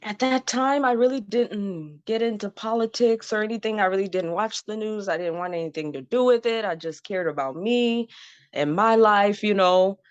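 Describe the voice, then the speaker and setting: Clear and resonant, this woman's mid-range voice moves at a moderate pace with no room sound. In her thirties and from Zimbabwe, she's an interview guest casually and candidly sharing her personal story, laughing often and saying "um" and "you know," in a dull, dry, lo-fi recording.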